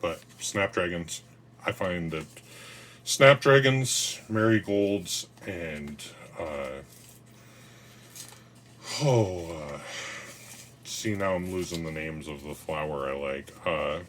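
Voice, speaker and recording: A man's voice: a bass voice, slow, long pauses, slight background noise. A man talking casually through a home gardening vlog, rambling, self-mocking and cracking dad jokes. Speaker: gardening vlogger.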